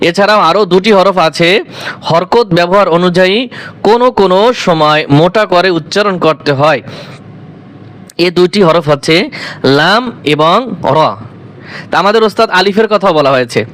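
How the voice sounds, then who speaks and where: A man with a high, smooth and resonant voice teaches a Quran recitation lesson. He is patient and methodical. He sounds out single letters slowly and puts rhetorical questions to his listeners. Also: a bit bright.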